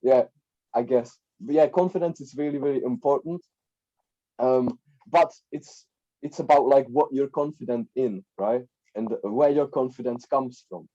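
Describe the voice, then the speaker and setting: Guesting on a podcast, a young Czech life coach rambles in relaxed conversation, repeating words and frequently saying "like" and "right?". His voice is medium-pitched and mellow at a normal speed, in dull, lo-fi audio.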